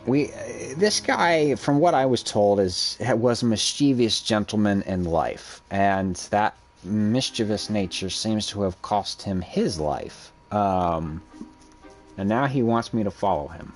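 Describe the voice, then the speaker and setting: A man's voice: fairly low pitch, expressive, takes it slowly, faint music behind. A man giving casual let's-play commentary over a game, rambling with many ums and uhs. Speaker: gameplay commentator.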